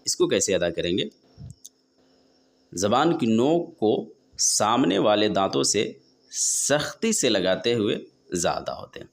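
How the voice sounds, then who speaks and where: Lowish male voice teaching letter sounds. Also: big pitch swings, vocal fry. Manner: explains step by step, repeats each letter slowly and drawn out; asks and answers his own questions. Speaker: Quran recitation teacher. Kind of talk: tajweed pronunciation lesson.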